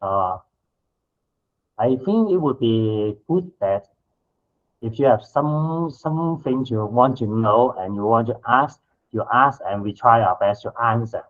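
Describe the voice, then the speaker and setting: A man giving a simple introduction as a religious delegate on a video call, in a measured manner. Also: medium pitch, expressive, phone-quality sound. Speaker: Salesian delegate.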